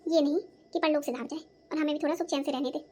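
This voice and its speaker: A woman's voice: high-pitched, fairly even intonation, fast talker, mellow, lightly acted. Woman as a defiant young daughter-in-law. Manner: defensive, answering back. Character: sharp-tongued young daughter-in-law who answers back. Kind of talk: cartoon voice acting.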